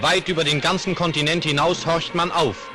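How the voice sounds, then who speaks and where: A man's voice: a little high, steady tone, normal speed, music in the background. A man narrating an old 1950s newsreel in a solemn, dramatic announcing manner. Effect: old newsreel recording.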